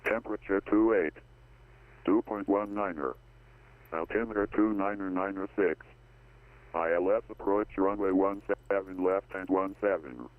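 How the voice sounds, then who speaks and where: A man's voice read out as an automated airport weather broadcast, reciting runway and weather data in a flat, even way over a radio feed. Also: low voice, normal speed, narrow, tinny audio. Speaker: automated terminal information service.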